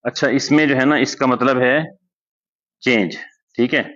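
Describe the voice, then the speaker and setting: A man teaches a recitation class at an even middle pitch. He explains step by step and draws out example words slowly. The recording is dull and lo-fi, like a classroom captured on a basic mic. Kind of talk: classroom lesson. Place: madrasa classroom.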